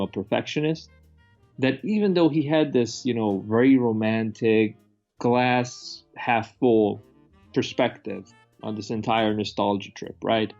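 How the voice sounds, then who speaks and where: A movie review host chats casually about films, rambling and opinionated and swearing now and then. His medium-pitched voice has a darkish tone, and the recording is muffled.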